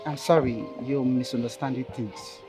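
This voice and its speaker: A man's voice: medium pitch, moderate pace, natural voice. An actor as a firm man ending things. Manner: calm, resolute. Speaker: ex-lover. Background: film score music.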